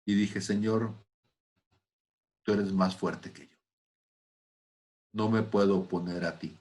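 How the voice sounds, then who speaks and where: A man preaching a personal testimony, swinging between loud exclamations and hushed, almost whispered lines. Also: on the low side, steady tone, slow pace. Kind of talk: testimony sermon.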